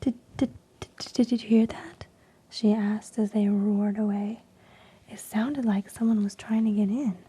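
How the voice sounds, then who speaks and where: An ASMR creator who is losing her voice reads stories in a soft, unvoiced whisper, slow and hushed, with frequent ums. Her mid-range voice sounds husky, and her intonation stays fairly even.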